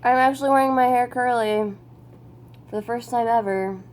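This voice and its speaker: A woman's voice: a little high, normal speed, a little mellow. A young adult woman chatting casually to camera as a vlogger, playful, teasing and sweary.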